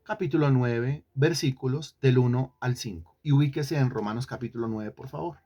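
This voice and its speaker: A man's voice: mid-range voice, moderate pace, dark tone, muffled recording, slight background noise. A man leads an online Bible lesson and keeps putting questions to his students. He repeats key phrases over and over to press each point home. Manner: questioning, repeats himself for emphasis. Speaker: Bible teacher. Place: online class.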